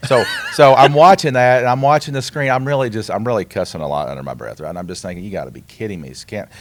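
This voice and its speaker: Speaking quickly in a lowish voice, this middle-aged podcast co-host relaxes into a story, lively in his retelling as he performs bits of the conversation he's describing.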